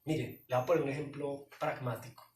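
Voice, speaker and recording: A man's voice: mid-range voice, little pitch movement, a little fast, a little mellow. A man preaching a sermon as pastor, emphatic and pleading, speaking straight to his listeners. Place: church hall. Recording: echoey hall, voice from far off.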